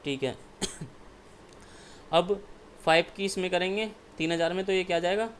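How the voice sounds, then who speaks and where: A man's voice: high-pitched, moderate pace, slight background noise. A male maths teacher working through exam problems step by step, asking questions and answering them himself, with frequent "okay" check-ins. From India. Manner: keeps asking and answering his own questions, repeats "ठीक है".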